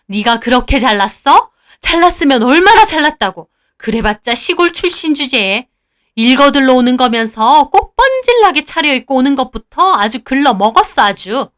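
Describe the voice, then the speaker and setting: A woman voicing an angry, scolding older mother-in-law, shrill and contemptuous. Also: expressive, moderate pace, a bit bright.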